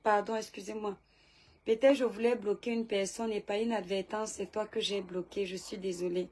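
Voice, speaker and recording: A woman's voice: mid-range voice, flat delivery, moderate pace, a little mellow, slightly rough. A woman from Cameroon, hosting a casual live stream, chatting and answering viewer comments read aloud from her phone. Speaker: live-stream host and seller.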